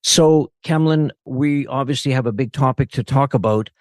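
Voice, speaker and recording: A man hosting a podcast. He reads a formal introduction in a measured way and then asks looser, conversational questions. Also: mid-range voice, darkish tone, dry recording, clean studio sound. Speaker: podcast host. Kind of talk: scripted introduction and interview questions.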